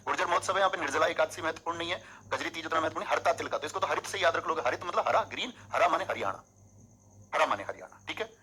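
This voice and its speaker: A man with a bright, husky voice teaches an exam coaching class. He talks in an animated, coaxing way and keeps drilling memory tricks. The sound is a little lo-fi. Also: a little high, racing.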